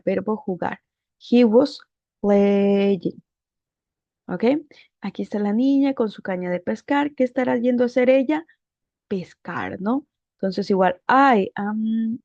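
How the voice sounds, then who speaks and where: A woman's voice: medium pitch, gravelly, mellow, no room sound, highs cut off. A woman teaching English grammar, patiently walking through a worksheet and often checking with rhetorical questions.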